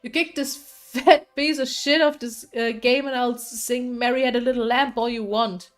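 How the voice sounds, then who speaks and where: A woman voicing a crude, angry father at an arcade, rude and loud. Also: on the high side, fairly even intonation, normal speed, faint music behind, lightly acted.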